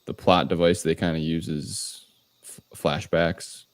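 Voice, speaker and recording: Speaking a little slowly in a low, steady voice, this man hosts a podcast and casually goes over a movie's plot. His explanations are informal and hesitant, and the recording is dry.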